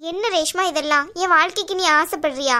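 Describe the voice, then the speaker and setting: Woman voicing a gentle earnest young wife. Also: very high voice, brisk. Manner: earnest, pleading. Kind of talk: cartoon voice acting.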